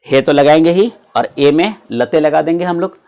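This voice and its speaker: A man teaching Sanskrit grammar in a video lesson, slowly reciting word forms and often stopping to check that viewers follow. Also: a little high, darkish tone. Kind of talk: classroom-style video lesson.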